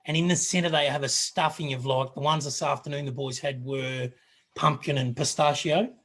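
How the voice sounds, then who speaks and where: Husky, chatty Australian man. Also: a little high, steady tone, moderate pace, a bit bright. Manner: chatty, rambling storyteller with filler words. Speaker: co-host of a barbecue live show. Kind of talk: casual live-stream chat.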